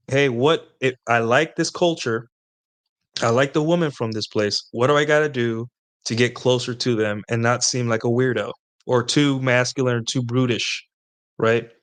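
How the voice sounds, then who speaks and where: A man's voice: mid-range voice, fairly bright tone, clean tone. Chatty man giving dating advice. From Latin America. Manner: rambling, conversational, frequent "right?" tag questions. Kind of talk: casual dating advice talk.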